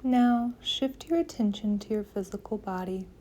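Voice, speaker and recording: A woman with a mid-range voice guides a yoga nidra meditation. Her instructions are calm, gentle and soothing, with long pauses between phrases.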